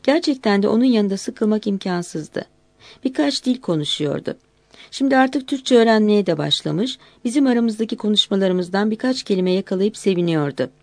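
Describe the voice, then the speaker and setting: A woman narrating an audiobook in a calm, measured reading voice. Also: medium pitch, dry recording.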